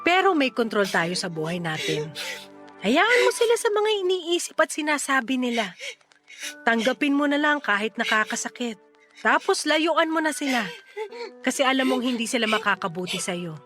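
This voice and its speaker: Soft music plays behind a high female voice at normal speed. She's a Filipino actress voicing a teasing, fiercely protective single mom around forty in an over-the-top radio drama, and her exclamatory, animated lines carry a tender, reassuring warmth.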